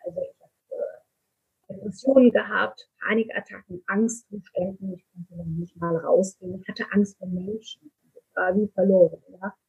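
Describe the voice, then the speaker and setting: A middle-aged woman from Turkey talks in an interview in an earnest, open way. Her voice is husky and a little breathy, sitting in a middle range. She fills pauses with hesitations as she speaks. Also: medium pitch, steady tone, phone-quality sound. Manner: earnest, candid, many fillers. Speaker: guest, speaker and author. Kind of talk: conversational interview.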